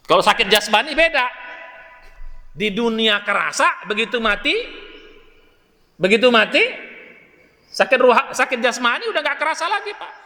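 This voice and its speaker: An older man preaching a dawn mosque lecture in a lively, folksy way, asking the congregation questions and addressing them directly. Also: high-pitched. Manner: lively, folksy, addresses listeners as Pak and Bu, asks the crowd questions. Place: mosque hall. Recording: long hall reverb.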